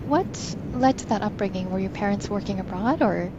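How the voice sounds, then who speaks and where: A woman's voice: medium pitch, a little fast, dull audio, noisy background. A woman hosting a podcast, politely introducing and questioning her guest with many fillers. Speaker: podcast host. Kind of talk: interviewing a guest.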